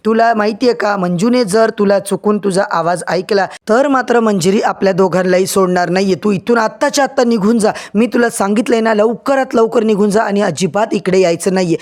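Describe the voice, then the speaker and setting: A man's voice: sits high, a little fast, hardly any pauses, close to an everyday voice. A man voicing a stern older father and politician, scolding and warning his son.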